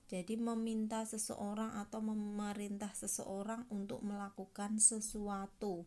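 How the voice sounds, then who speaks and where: A woman's voice: mid-range voice, completely flat delivery, a little slow, warm tone, slight background noise. A woman teacher, patiently explaining a grammar lesson to young pupils and asking them questions.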